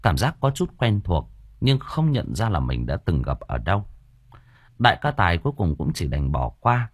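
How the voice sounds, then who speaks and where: Deep-voiced, expressive male storyteller. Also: moderate pace, slightly rough, dry recording, clean studio sound. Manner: colloquial, expressive reading with coarse asides. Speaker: audiobook narrator. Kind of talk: storytelling narration of a novel.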